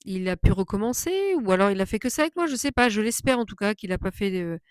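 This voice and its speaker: A woman's voice: medium pitch, big pitch swings, fast talker, no room sound, studio quality. A woman vlogger chatting casually as she tells a personal story, indignant and emphatic, often repeating phrases for stress.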